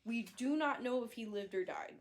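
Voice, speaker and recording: A woman's voice: a little high, normal speed. A young woman casually recapping a horror story, chatty and blunt, with fillers, self-corrections and the odd swear. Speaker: book reviewer.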